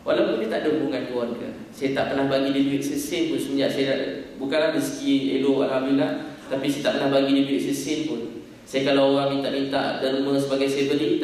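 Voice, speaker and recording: A man's voice: medium pitch, a little mellow, a little hiss or hum. A male preacher giving an earnest, emotional sermon full of stories and rhetorical questions. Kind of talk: religious sermon. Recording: echoey hall, distant mic, faint ambience.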